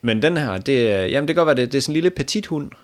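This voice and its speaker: A man's voice: mid-range voice, lively intonation. A man co-hosting a podcast, chatting casually with a friend, swearing and laughing often. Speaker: podcast co-host. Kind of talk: casual chat.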